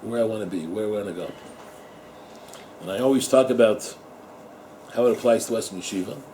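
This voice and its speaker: A man's voice: on the low side, brisk, warm tone, a little hiss or hum, rough recording. A middle-aged man, a rabbi giving an informal Torah talk to yeshiva students, repeating words and asking his listeners rhetorical questions. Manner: mixes Hebrew and Yiddish terms into English.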